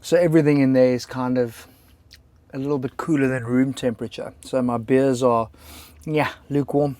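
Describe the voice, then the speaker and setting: Speaking with a South African accent, a man jokes around for his travel vlog at an outdoor motorhome camp next to a racetrack, chatty and self-deprecating. His medium-pitched voice is a little mellow, with fairly even intonation and a moderate pace, and the recording has no echo.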